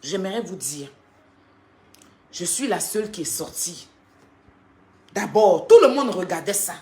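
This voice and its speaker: A woman, ranting heatedly and defensively on a livestream, retelling a quarrel in a rapid flow. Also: fairly low pitch, very animated, mellow, a little hiss or hum. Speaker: social media personality. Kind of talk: livestream rant addressing critics.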